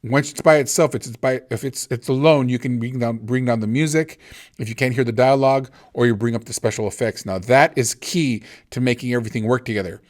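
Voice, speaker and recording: A man's voice: medium pitch, brisk. A man teaching video editing in a casual, rambling way, thinking aloud and often restarting his sentences. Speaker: instructor. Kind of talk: screen-recorded video editing tutorial.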